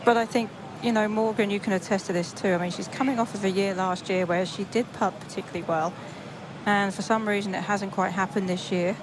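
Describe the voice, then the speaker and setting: A woman's voice: mid-range voice, fairly even intonation, fairly quick. A woman working as a golf commentator, giving analytical live commentary from an outdoor broadcast. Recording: outdoor broadcast with clear background noise.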